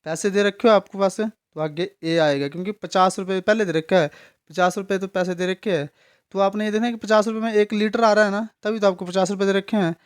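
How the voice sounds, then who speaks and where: A man teaching an English grammar lesson, patiently explaining, repeating words, checking if students follow and spelling some words out slowly letter by letter. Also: sits high, fairly even intonation, smooth.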